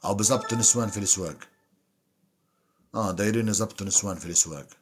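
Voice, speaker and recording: A man's voice: lowish voice, racing, husky. A man hosting a casual live stream, bantering with and teasing his viewers. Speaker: livestream host.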